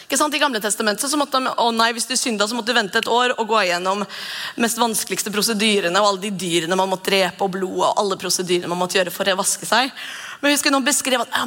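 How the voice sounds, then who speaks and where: A woman in her thirties giving a casual, expressive devotional talk as a podcast host. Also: on the high side, big-room sound. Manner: chatty and expressive, acts out quoted voices.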